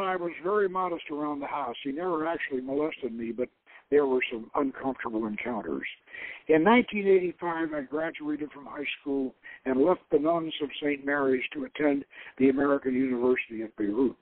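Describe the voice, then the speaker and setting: Performing a dramatic reading of an adventure novel, a man voices an intellectual, romantic young woman looking back on her life. His high voice is measured and reflective, like an audiobook, and it comes through dry on a tinny, narrow, phone-like line.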